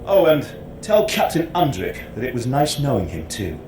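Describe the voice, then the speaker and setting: An actor playing a haughty, bitter imperial officer in a video game, formal and disdainful. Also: male voice, medium pitch, big pitch swings, moderate pace, darkish tone, a little hiss or hum, natural voice. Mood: bitter, grudging. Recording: roomy echo, faint music.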